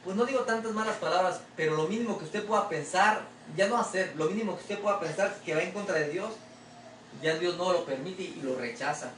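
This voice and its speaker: A man pastor delivers a sermon in a chatty, conversational style, peppering it with rhetorical questions and addressing the listener as brother. His voice sits a bit high for a man. It is picked up by a mic some distance away in a roomy, echoing church with a faint ambient hush behind him. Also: a little fast, a little hiss or hum. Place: church sanctuary.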